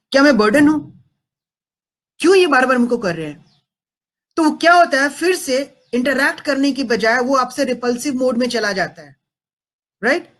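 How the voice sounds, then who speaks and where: High-voiced man giving parenting advice. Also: a bit bright. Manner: mixes Hindi and English, keeps asking "am I right?". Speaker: parenting coach. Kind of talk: parenting talk to an audience.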